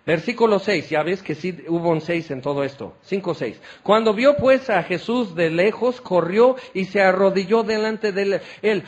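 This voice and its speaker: A man preaching a sermon, animated and teasing, firing questions at his listeners. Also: sits high.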